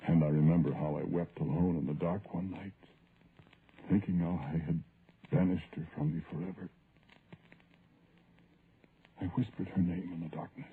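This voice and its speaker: Low and brisk, a man's voice carries an old radio horror drama in which an actor portrays a guilt-stricken, grieving narrator of a ghost story. The tone is anguished and brooding, solemn and literary, on a noisy, narrow-band vintage recording.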